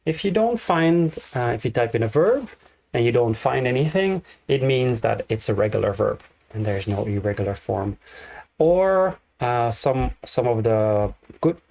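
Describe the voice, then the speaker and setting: A man teaching an English grammar lesson, explaining slowly and repeating each example. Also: medium pitch, very animated, vocal fry, a little mellow.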